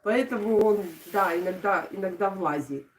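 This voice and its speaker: Young woman w odesa accent doing a casual livestream chat, kinda halting, echoey room, mic far away. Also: mid-range voice, animated. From Odesa region, Ukraine. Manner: affectionate, uses endearments and diminutive names. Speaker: craft video blogger and live streamer. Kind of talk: casual live-stream chat with viewers. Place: indoors at home. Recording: echoey room, distant microphone.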